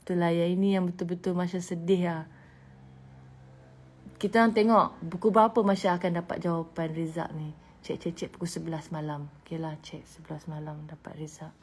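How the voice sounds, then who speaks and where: In a vlog with a little hiss or hum, a thirty-something singer with a Malaysian Malay accent tells a personal story a little fast, in a fairly low voice. She is animated and full of emotion, dropping to whispers and breaking into loud bursts.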